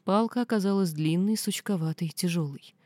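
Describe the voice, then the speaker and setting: A woman's voice: fairly low pitch, brisk, dark tone, no room sound, clean studio sound. Woman narrating a fantasy audiobook. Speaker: audiobook reader.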